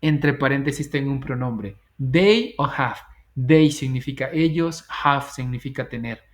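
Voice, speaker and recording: A man teaching an English grammar lesson, slowly spelling out English example sentences between his explanations. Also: mid-range voice. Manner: slow, deliberate dictation of English example sentences.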